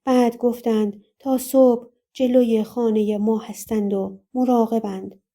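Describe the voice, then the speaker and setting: A distraught young woman, full of self-reproach, telling her story, as an audiobook narrator voices her. Her voice sits a little high, with a mellow, dark tone. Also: fairly even intonation, lightly acted. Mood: subdued.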